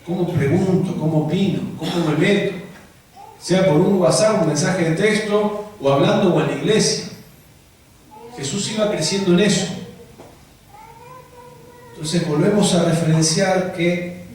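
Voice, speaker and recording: A man's voice: high voice, a little slow, pauses often, a little mellow. A man with a Rioplatense Spanish accent, preaching a conversational sermon to church leaders and asking the room many rhetorical questions. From Argentina. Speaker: pastor. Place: church hall. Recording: very echoey hall from far off, faint noise.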